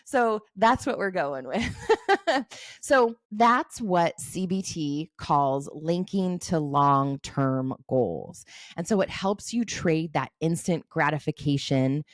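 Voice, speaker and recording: A woman in her forties with a fairly low voice talks candidly as a coach, casual and blunt, with the odd swear word. The sound is dry and close, with no room echo at all. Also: expressive, slow. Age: 40s. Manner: frank, swears casually, laughs easily.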